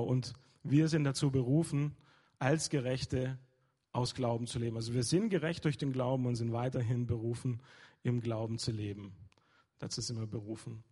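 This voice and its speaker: Young guy preaching, lots of ähms and restarts, dark husky voice. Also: medium pitch. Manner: hesitant, many fillers and restarts. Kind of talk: informal sermon.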